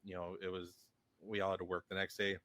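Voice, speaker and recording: A man co-hosting a racing podcast, telling stories in relaxed casual chat. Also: deep voice, quick pace, no echo. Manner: storytelling, relaxed, quotes others in excited voices. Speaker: podcast co-host.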